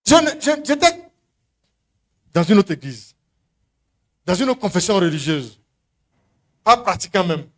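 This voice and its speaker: A middle-aged Ivorian pastor with a high-pitched voice preaches in French with an Ivorian accent. He tells a testimony, acting out the people in it. His delivery swings from loud calls to near-murmurs. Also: big pitch swings, measured pace, pauses often. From Côte d'Ivoire. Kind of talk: sermon.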